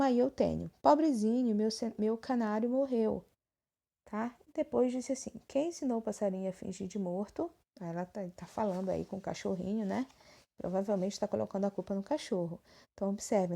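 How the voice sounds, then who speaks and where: In a grammar lesson captured on a phone screen recording, a woman with a Brazilian Portuguese accent explains concepts and often checks in with students. Her medium-pitched voice has a dark tone and some vocal fry.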